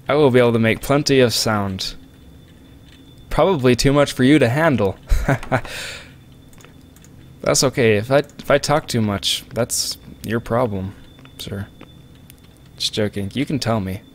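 Into a close desk mic, a man with a mid-range voice rambles and jokes with viewers while commentating a game in a relaxed let's play style. A little hiss or hum is audible.

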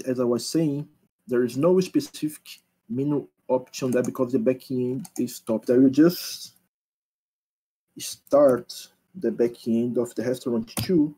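A man in his thirties presenting a technical demo over a video call, talking haltingly and asking others to switch slides and screens. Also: medium pitch, warm tone, breathy edge, low-quality recording. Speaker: presenter at an online developer meetup. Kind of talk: live technical demo talk.

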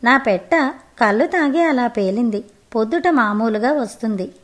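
A woman's voice: on the high side, lively intonation, moderate pace, natural voice. Woman voicing a simple wild forest hunter. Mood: innocent. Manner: simple, guileless questions. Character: naive wild male forest hunter, gruff.

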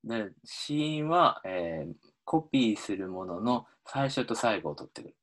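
A man with a very low voice gives a linguistics lesson over slides. His pitch swings widely as he explains, and he often pauses on fillers and restarts his sentences. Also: big pitch swings, a bit bright. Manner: hesitant, many fillers and restarts. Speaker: linguistics lecturer.

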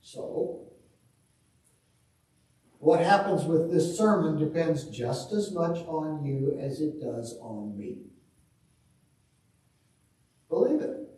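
Pastor, man, middle-aged, slow and measured, mellow tone, booming church reverb, heard from afar. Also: lively intonation. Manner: slow, measured delivery with dry asides. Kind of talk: sermon and scripture reading. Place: large church sanctuary at a pulpit. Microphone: far camera. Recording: echoey church from far off.

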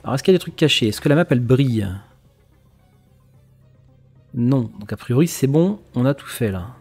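Excitable French gamer man. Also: medium pitch, normal speed, breathy edge. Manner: excitable reactions, occasional swearing. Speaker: let's play gamer. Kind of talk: casual gameplay commentary. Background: faint video game music.

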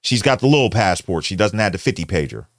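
A middle-aged American man hosts a show from an indoor home studio, giving casual, slangy, teasing reaction commentary. His deep voice swings widely in pitch at a quick pace, picked up by a close studio mic on a boom arm.

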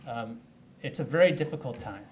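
Speaking into podium microphones in an indoor press room, a county official earnestly urges the public, restarting phrases as he goes. His mid-range voice is brisk with lively intonation, and there's a little hiss or hum.

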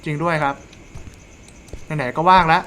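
A man's voice: fairly high pitch, moderate pace, fairly bright tone, slight background noise. A man giving casual let's play commentary, chatting and joking while reading game dialogue aloud. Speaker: gamer.

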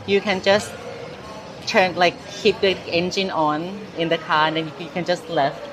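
Her voice lowish and flat, the Thai woman in her thirties speaks unhurriedly, music playing behind her. She's being interviewed casually on a clip-on mic in a big indoor mall, with a Thai accent, lots of fillers and restarts.

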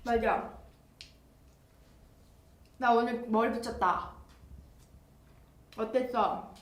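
Bubbly young woman chatting to fans on a birthday stream, kinda high voice, roomy echo. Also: fairly even intonation, extremely slow. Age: young adult. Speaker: idol streaming a birthday live broadcast. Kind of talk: casual chat with fans.

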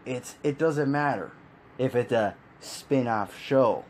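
A man's voice: mid-range voice, slow pace. Male commentator with a mid-range voice, exasperated ranting delivery, faint noise floor. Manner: frustrated, exasperated ranting with sighs and laughs. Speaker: video commentator.

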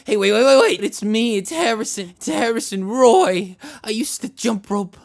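A man's voice: high-pitched, expressive, measured pace, creaky, exaggerated voice. An actor voicing a desperate, rambling cartoon man who pleads to be believed, repeating himself and stumbling over restarts. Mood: pleading. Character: rambling desperate man insisting on his identity. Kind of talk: animated short voice acting.

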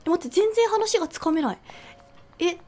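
A woman streamer giving live game commentary and reacting excitedly with constant exclamations. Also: very high voice, normal speed.

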